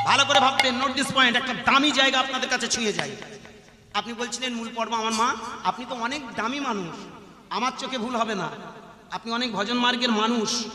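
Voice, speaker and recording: A man preaching in a devotional kirtan sermon with a Bengali accent, questioning his audience rhetorically from a stage. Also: extremely high pitch. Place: stage before a live audience. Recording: echoey hall with music behind.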